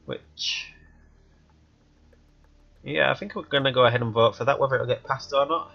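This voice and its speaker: A let's play gamer with a cold, stuffy and sniffly, rambles through casual commentary, thinking aloud as he plays. His medium-pitched voice has vocal fry, and the dull lo-fi recording has faint music behind it.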